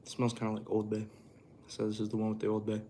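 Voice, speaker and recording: A man with a lowish voice and little melody talks casually to his livestream while cooking and eating. He rambles and drops in easy swear words. Clear background noise sits behind him. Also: monotone, quick pace, dark tone. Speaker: livestream host. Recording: clearly noisy room ambience.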